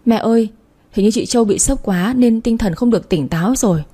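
A woman's voice: a little high, fairly quick, dark tone, slightly rough. A woman voicing a scheming young woman who plays a sweet, frightened younger sister, whining and pleading. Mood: syrupy coaxing. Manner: whiny, pleading, syrupy.

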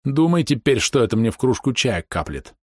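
A man's voice: medium pitch, big pitch swings, fairly quick, darkish tone, no echo, clean studio sound. A man voicing a nervous, curious male adventurer who hisses and frets in an audiobook. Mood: edgy. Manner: hissing, fretful.

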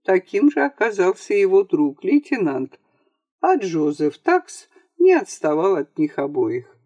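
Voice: medium pitch, sing-song, measured pace, dark tone, no echo. An audiobook reader narrating a comic story in a wry, theatrical way. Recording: dry home-studio voice-over.

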